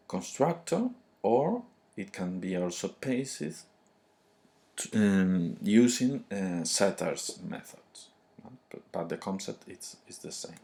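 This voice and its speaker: A man with a thick foreign accent giving an unscripted tutorial, halting and often searching for words. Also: low-pitched, mellow. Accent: thick foreign, non-native English. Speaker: programming tutorial presenter.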